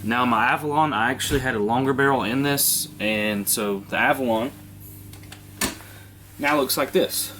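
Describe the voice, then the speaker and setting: A congested man walks through a build step by step indoors, relaxed and casual. His voice sits at a middle pitch. Faint room noise hums behind him. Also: normal speed. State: congested from a sinus infection. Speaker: airsoft video host. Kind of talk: hands-on how-to demonstration.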